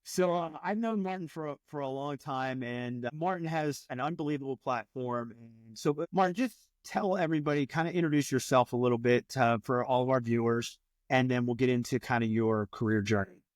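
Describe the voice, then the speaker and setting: A man's voice: medium pitch, fairly quick, no room sound. A man hosting a podcast, chatting casually in a friendly, upbeat way and laughing easily. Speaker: podcast host. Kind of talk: casual interview chat.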